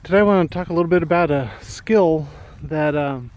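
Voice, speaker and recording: A man's voice: a little high, a little fast, darkish tone. A man giving a meandering, easygoing tour of his rural property while talking, a little out of breath. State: slightly out of breath. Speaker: homesteading vlogger. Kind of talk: casual walking tour chat.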